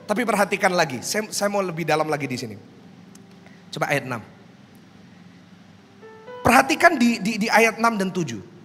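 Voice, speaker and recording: A man preaching a lively sermon, joking with the congregation in casual speech and building to loud calls for applause. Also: high-pitched, moderate pace, pauses often, faint music behind. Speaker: pastor. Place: large church hall. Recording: long church hall reverb.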